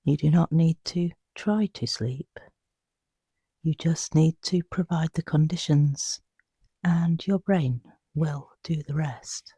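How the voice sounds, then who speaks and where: This meditation guide's voice is mid-range, soft and breathy as they lead a sleep meditation. They speak quietly and calmly without rushing, leaving long pauses, and the recording has no echo.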